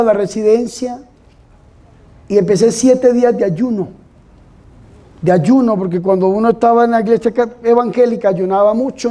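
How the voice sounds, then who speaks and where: High-voiced Colombian priest giving testimony. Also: male voice, warm tone. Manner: emphatic storytelling, repeatedly urging listeners to pay attention. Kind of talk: testimony talk to a live audience. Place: event hall with an audience.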